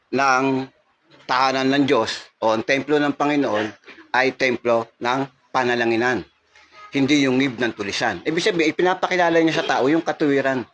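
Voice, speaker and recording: A man's voice: fairly high pitch, a bit bright, a little hiss or hum. A man preaching a sermon, earnest and building into emphatic teaching.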